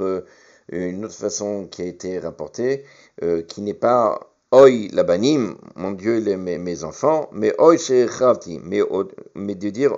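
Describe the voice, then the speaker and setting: A man with a fairly low voice leads a Talmud study session. He works through the text by reading a phrase in the original and explaining it, pausing on repeated words and fillers. The recording sounds muffled and lo-fi. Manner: reads Hebrew and Aramaic phrases, then translates them into French. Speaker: Talmud teacher. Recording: dull lo-fi recording.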